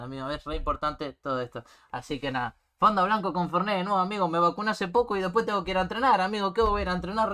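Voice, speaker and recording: A man's voice: sits high, bright, forceful tone. A young man with an Argentine accent, a streamer freestyle rapping and then thanking his chat in rambling street slang. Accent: Argentine Spanish. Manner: slangy, rambling, fast-flowing street talk.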